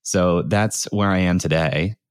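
A low-pitched, smooth-voiced American talks a little slowly as a podcast guest, a startup founder turned creator recounting his path in a casual interview. He often says "like," and the studio-quality recording has no echo.

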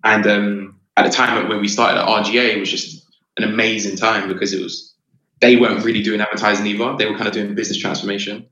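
A low-pitched man talks in an echoey, slightly muffled room. He tells his story casually as a guest, with plenty of slang. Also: little pitch movement, fast talker, pushed and bright. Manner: slangy, peppers talk with "bro" and "like". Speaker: podcast guest, creative.

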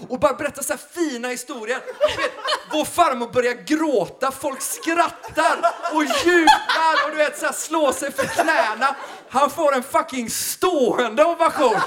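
A man, a comedian, telling a story in an animated way, laughing and acting out the people he quotes. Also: very high-pitched, noisy background.

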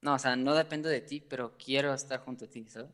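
A man's voice: medium pitch, fairly even intonation, quick pace, a bit bright. A man who is a guest on a talk show, speaking about his feelings hesitantly, with many fillers and nervous laughs. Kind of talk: conversational personal talk. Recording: long reverb.

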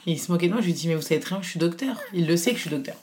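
A woman's voice: fairly low pitch, rapid-fire, slight background noise. Chatty woman telling a story. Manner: animated storytelling, quoting others, frequent fillers. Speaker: guest telling her birth story. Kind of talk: casual chat.

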